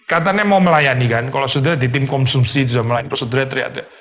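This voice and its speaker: A man preaches a sermon in a relaxed, conversational way, like a teacher talking through a passage. He asks his listeners questions, slips English phrases into his talk, and now and then acts out a complaining voice to make his point. His voice sits at an ordinary middle pitch for a man. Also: rapid-fire. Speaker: pastor.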